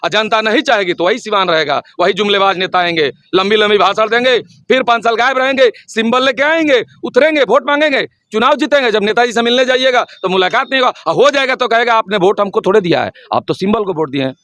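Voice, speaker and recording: A man from Bihar, a local election candidate giving an impassioned campaign interview, forceful and rhetorical, hammering his slogans again and again. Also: high voice, fast, few pauses, no echo. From Siwan district, Bihar, India.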